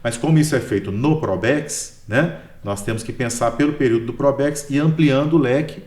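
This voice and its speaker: A history professor with a Brazilian Portuguese accent explains his work in a relaxed interview, ending most sentences with a questioning "né?". His mid-range voice is brisk with a darkish tone, and the room adds a noticeable echo.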